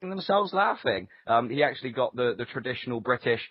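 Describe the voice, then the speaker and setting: A man's voice: medium pitch, little pitch movement, quick pace, breathy edge, dry recording. A man co-hosting a casual podcast, chatting in a rambling, dryly humorous way. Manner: rambling, sweary, dry humour. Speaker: podcast co-host. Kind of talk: casual comic anecdote chat. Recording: dull, lo-fi voice-call audio.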